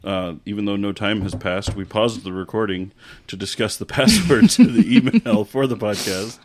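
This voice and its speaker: A man's voice: fairly low pitch, lively intonation, normal speed, darkish tone, slight background noise. A man co-hosting a casual podcast chat. He is wry and self-deprecating, and he often stammers and restarts his phrases. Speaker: podcast co-host.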